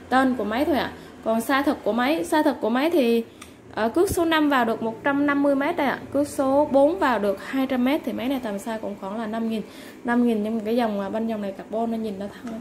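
A woman seller giving a polite, informal product sales pitch, going item by item with repeated stock phrases. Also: a little mellow. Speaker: online seller of used fishing reels. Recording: clearly noisy background ambience.

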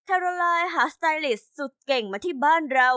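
Woman narrating a cartoon story, lively, high crisp voice, no room sound. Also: brisk, no echo, studio quality. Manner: lively first-person storytelling.

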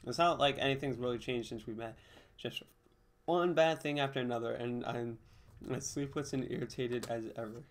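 A man reading the lines of a pale, tired, bullied teenage girl in his own quiet, subdued voice. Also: mid-range voice, steady tone, moderate pace, lightly acted. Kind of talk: reading game dialogue aloud.

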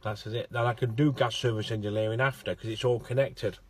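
A man's voice: medium pitch, fairly even intonation, fairly quick, slightly rough. A middle-aged man vlogging from inside a car on a phone held at arm's length, stammering and repeating words as he talks. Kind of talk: casual selfie vlog.

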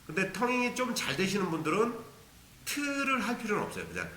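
A man's voice: sits high, huge pitch swings, quick pace, pushed and bright, reverberant, a little hiss or hum. A man teaching a beginner ocarina lesson, patiently explaining and demonstrating tonguing syllables aloud. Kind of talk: instructional video lesson.

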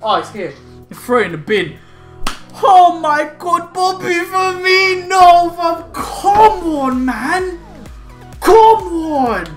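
Speaking slowly in a very high voice that swings widely in pitch, this young man, a gaming YouTuber, delivers excited, slang-filled commentary as he opens game packs. He shouts and laughs throughout, recorded indoors in a small home room with faint background music.

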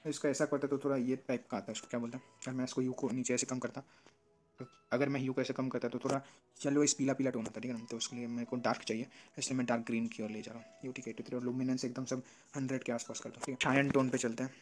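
A man walks through photo edits in a quick, casual tutorial, talking fast in a flat, even tone. He keeps checking in with the listener as he goes, with soft music playing underneath. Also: mid-range voice. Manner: explains step by step, often checks in with "theek hai na". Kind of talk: casual screen-recorded tutorial.

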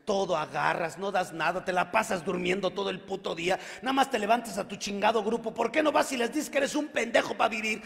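A man voicing a furious middle-aged Mexican mother who curses at her grown son in a crude, swearing tirade that climbs to shouts. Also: sits high, fairly even intonation, fairly quick, vocal fry, few pauses, long reverb tail. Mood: furious scolding.

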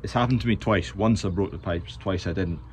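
Young Scottish male farmer vlogging casually, unfussed, clear background noise from vehicle and outdoors. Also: low-pitched, fairly quick. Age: 20s. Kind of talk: casual vlog chat. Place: in a car and around a farmyard. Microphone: phone at arm's length. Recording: noisy phone audio with vehicle and outdoor noise.

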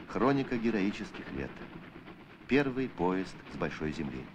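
A man narrating an old Soviet newsreel in a solemn, measured, declamatory scripted style. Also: low-pitched, sing-song, background noise. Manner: measured, declamatory documentary delivery. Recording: archival film soundtrack with music. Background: music.

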